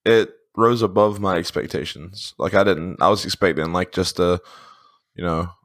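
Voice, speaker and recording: A man's voice: low voice, fairly even intonation, moderate pace, dry recording, studio quality. A man around thirty, a podcast guest, chatting bluntly and swearing casually. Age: 30s. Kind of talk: casual chat.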